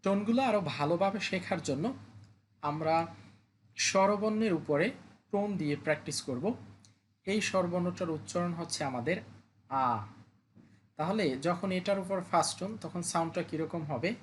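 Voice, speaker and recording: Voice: mid-range voice, moderate pace, long pauses, slight background noise. A language teacher gives a recorded lesson, patiently modelling each sound and repeating it. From Bangladesh.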